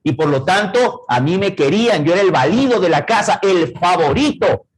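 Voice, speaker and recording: A man's voice: high-pitched, lively intonation, moderate pace, slightly rough, poor audio. A middle-aged man with an Ecuadorian accent teaching a verbal reasoning lesson, explaining words step by step and checking in with rhetorical questions. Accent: Ecuadorian Spanish.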